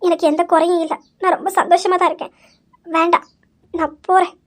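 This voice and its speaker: A woman voicing a hurt young wife who speaks low and subdued about her family's rejection. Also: level tone, a little fast, a little hiss or hum.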